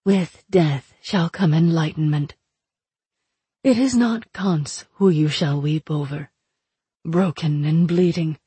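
Cryptic ancient oracle, a veiled woman, performed by a woman, deliberate and grave in her drawn-out pronouncements, with a husky low voice and a dry close sound. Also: mellow, no echo, full character voice. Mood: solemn. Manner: slow, grave prophetic delivery.

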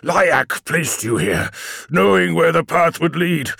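A man's voice: mid-range voice, very animated, slow pace, creaky, a bit bright, husky, dry recording, studio quality, heavily acted. A man playing a grim, ruthless male sorcerer who speaks in cold, clipped commands. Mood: accusing.

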